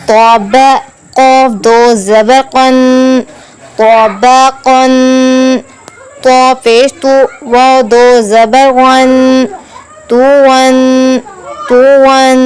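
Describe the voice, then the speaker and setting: A woman's voice: a little mellow, smooth. A woman teaching children to read Quranic letters, spelling out each letter and vowel mark and then blending the syllables. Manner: quicker, lower explanatory asides between drills. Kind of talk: slow spelled-out recitation lesson.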